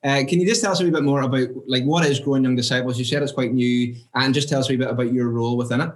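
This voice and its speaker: A man's voice: mid-range voice, steady tone, racing. A man hosting, giving an earnest reflective talk that quotes scripture, with "uh" fillers. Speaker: host. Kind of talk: reflective devotional talk and interview. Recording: echoey room.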